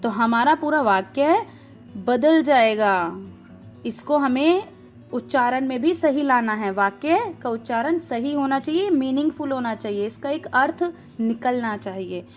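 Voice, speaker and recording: A woman's voice: high voice, lively intonation, a little slow. Patient woman teacher, faint music behind. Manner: patient, explains step by step and repeats key words; asks the class questions and answers them herself. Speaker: school teacher. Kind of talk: recorded grammar lesson for young pupils.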